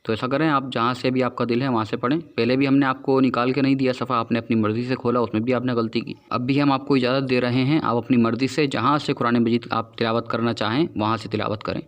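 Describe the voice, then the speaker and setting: A man's voice: medium pitch, steady tone, few pauses, muffled recording. A man narrating a rebuttal video in a formal, admonishing tone, addressing another speaker directly. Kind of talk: scripted commentary and rebuttal.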